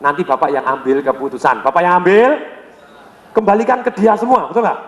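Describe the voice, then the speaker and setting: A middle-aged man giving an energetic sales seminar to a live audience, calling on them with rhetorical questions and having them finish his sentences. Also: high voice, brisk. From Indonesia. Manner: peppers talk with direct address and rhetorical questions. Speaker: sales trainer. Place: large hall. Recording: echoey hall with long reverb.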